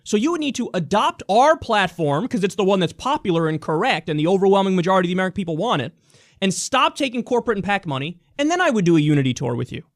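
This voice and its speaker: A man's voice: high voice, big pitch swings, fast, dry recording, clean studio sound. A man hosting a political commentary show, delivering a heated, blunt, profane solo rant.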